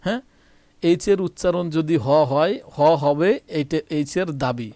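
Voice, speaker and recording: A man's voice: fairly high pitch, normal speed, darkish tone, no echo. A man with a Bangladeshi Bengali accent teaching English grammar, repeating points and speaking to viewers directly. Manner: repetitive, addresses viewers directly, self-corrects. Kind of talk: explaining a lesson to viewers.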